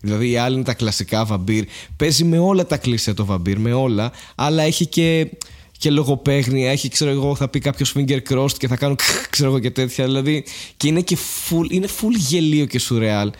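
Male podcast co-host, mid-pitched, rambling and animated. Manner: rambling, animated, many fillers and restarts. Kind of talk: casual chat.

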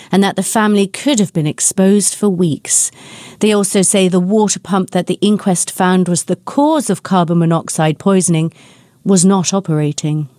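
Female news reporter, medium pitch. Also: a little mellow, no room sound. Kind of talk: scripted news report narration.

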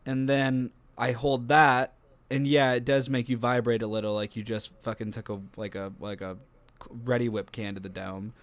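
A man's voice: medium pitch, little pitch movement, normal speed, no room sound. A young man co-hosting a football podcast, talking in a loose, rambling, profane way while getting over hiccups. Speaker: podcast co-host. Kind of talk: casual chat.

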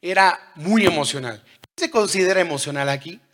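A man in his thirties preaching a sermon, who swings between loud calls and hushed lines and puts questions to the congregation. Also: high voice, moderate pace. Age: 30s.

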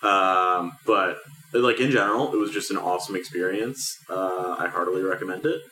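A man with a lowish but bright voice rambles casually, hedging with fillers as he talks. The room echoes around him and a faint hiss sits underneath. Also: fairly even intonation, normal speed. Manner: rambling, filler-heavy, hesitant. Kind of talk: casual chat.

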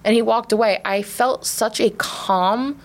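A woman in her twenties co-hosting a podcast, telling a story in a casual, animated way, full of laughs and "like". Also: a little high, unhurried. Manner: animated, laughing, heavy use of "like". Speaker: podcast co-host.

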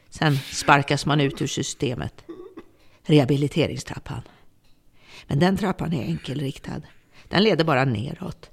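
A woman's voice: sits low, creaky, slightly rough, heavily acted. An actress playing a worn-out middle-aged woman who has become a bitter, vengeful captor, speaking in a brooding, resentful monologue. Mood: grim. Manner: bitter, brooding monologue turning to hushed menace. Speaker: embittered former home care worker holding a captive. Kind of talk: radio drama acting.

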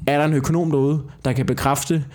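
A man's voice: on the high side, fairly even intonation, a little mellow. A young man, co-hosting a casual podcast chat, swearing freely and telling stories with animation. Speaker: podcast co-host.

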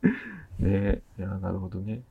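A man's voice: sits low, level tone, normal speed, creaky, slightly rough, phone-quality sound. A man co-hosting a casual podcast, playful and laughing often as he jokes his way through reading listener letters. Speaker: podcast co-host. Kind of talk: casual chat.

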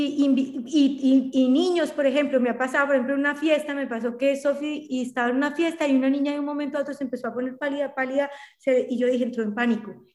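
A middle-aged woman psychologist speaks earnestly and explains step by step, often restarting her sentences. Her voice sits fairly high and carries a roomy echo. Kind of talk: conversational interview explanation.

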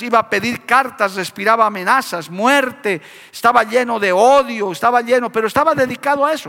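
High, bright-voiced fervent preacher man. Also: creaky. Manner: fervent preaching with repeated "amado hermano". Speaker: pastor. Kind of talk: sermon. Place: church hall, broadcast on radio and TV. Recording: reverberant church hall.

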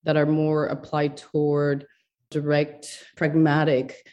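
A woman's voice: low-pitched, completely flat delivery, takes it slowly, a little mellow. A middle-aged woman from Ecuador, a neuroscientist, speaking thoughtfully in an interview with many fillers and restarts. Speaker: neuroscientist guest.

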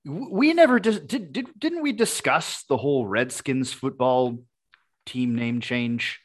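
Deadpan man reading listener emails. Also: mid-range voice, a little slow. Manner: dry, deadpan, stumbles over words. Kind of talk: casual chat.

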